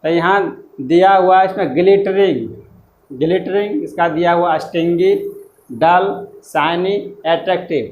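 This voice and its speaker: A man teaching an exam-prep lesson, explaining words slowly and spelling them out letter by letter, with loose, repetitive phrasing. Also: high-pitched, a little mellow, reverberant, lo-fi sound.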